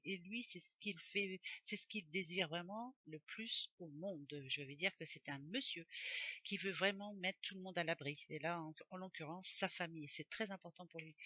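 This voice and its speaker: Very bright-voiced chatty woman card reader. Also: fairly low pitch, no room sound, dull audio. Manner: chatty, rambling, corrects herself aloud. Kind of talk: casual card reading to viewers. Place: home office.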